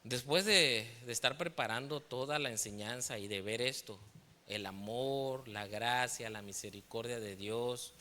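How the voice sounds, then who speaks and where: A man's voice: medium pitch, measured pace, big-room sound. A man with a Mexican Spanish accent preaching a sermon in church, sharing personal testimony and asking the congregation questions. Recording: loud music behind the voice.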